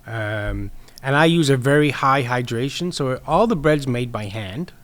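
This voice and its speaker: A man's voice: mid-range voice, animated, a little slow, fairly bright tone. Podcast guest, man, easygoing explainer, fillers and restarts. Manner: rambling, explanatory, lots of fillers. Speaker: podcast guest, sourdough baker. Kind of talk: casual podcast chat.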